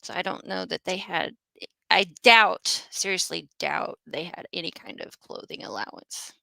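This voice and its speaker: A woman co-hosting a casual true crime talk, chatty and quick to agree. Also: fairly low pitch, very animated, vocal fry, pushed and bright, dry recording. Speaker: podcast co-host. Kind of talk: casual chat.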